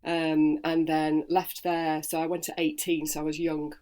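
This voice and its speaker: A woman in her forties from Sheffield with a Yorkshire accent, a voice and accent coach chatting freely in an interview. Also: low voice. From Sheffield, England. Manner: chatty and animated, quick bursts of storytelling. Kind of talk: relaxed interview chat.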